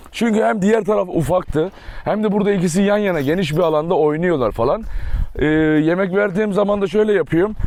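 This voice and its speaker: In this casual vlog, a young man with a high, somewhat mellow voice strolls through his dog farm outdoors. His speech is rapid, and he regularly uses sweet baby talk with his dogs.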